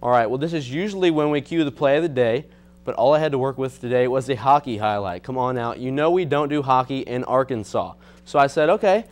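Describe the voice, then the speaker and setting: A young American man delivers student TV sports news at a middling male pitch. His style is conversational and colloquial. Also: brisk. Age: young adult.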